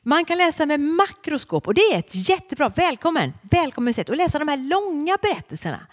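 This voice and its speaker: Lively woman preaching in a church. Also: sits high. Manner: expressive, with frequent hesitations. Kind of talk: sermon. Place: church before a congregation.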